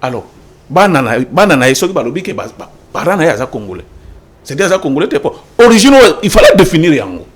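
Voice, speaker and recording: A man's voice: fairly high pitch, fast talker, breathy edge. A man arguing insistently as a panelist in a heated political talk show debate, mixing French with Lingala. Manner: animated, insistent, interrupts.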